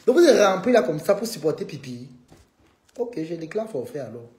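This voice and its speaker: Guy ranting on his live, mellow voice, bounces all over, echoey room. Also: on the high side, very animated, fairly quick. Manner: combative, needling, addresses viewers directly. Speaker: live-stream host. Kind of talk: live-stream rant to viewers.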